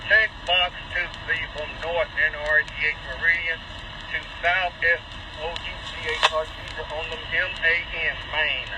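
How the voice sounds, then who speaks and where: A man's voice: fairly high pitch, fairly even intonation, moderate pace. A man on a train crew speaking over a two-way radio, methodically reading numbers back digit by digit. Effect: two-way radio transmission. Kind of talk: radio procedure talk. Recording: muffled radio with engine noise.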